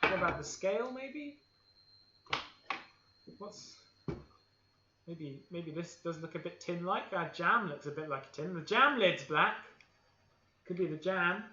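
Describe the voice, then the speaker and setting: Speaking slowly with long pauses, this young Welsh host sounds high-pitched, animated and sharp as he runs a live baking session for children from his home kitchen. His manner is cheerful, playful and encouraging, and he plays I Spy along the way. The lo-fi stream is dull and echoey, with a slight hiss or hum.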